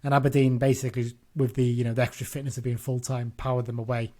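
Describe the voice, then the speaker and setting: A man hosts a relaxed football podcast in an ordinary mid-pitched voice. He chats along loosely, restarting and correcting himself as he goes. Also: quick pace. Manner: chatty, with frequent restarts and self-corrections. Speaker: podcast host. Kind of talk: casual football chat.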